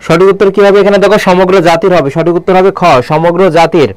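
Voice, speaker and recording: A man teaching a live online Bangla lesson, keeps asking the viewers questions and slows down to read poem lines aloud. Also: high voice, fairly even intonation, darkish tone, no echo. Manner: quizzing viewers with repeated questions.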